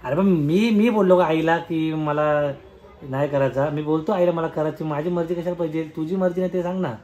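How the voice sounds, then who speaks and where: A man's voice: a little high, fairly even intonation, brisk, a little mellow. A young man making a prank phone call, persistent and teasing, pleading and pressing his point. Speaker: prank caller, video host.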